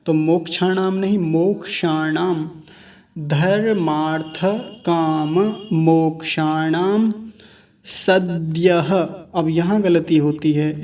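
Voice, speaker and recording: Male Sanskrit teacher, measured and patient, repeats words syllable by syllable, a bit higher pitch, recorded slightly off-mic. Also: a little mellow, far from the mic. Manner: slow, deliberate syllable-by-syllable demonstration; contrasts wrong and right pronunciations repeatedly. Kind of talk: recorded online class.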